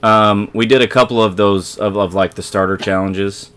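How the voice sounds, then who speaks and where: A man hosts a let's play, giving casual gameplay commentary as he talks to viewers, rambling and correcting himself. His lowish, smooth voice is fairly bright with fairly even intonation at normal speed.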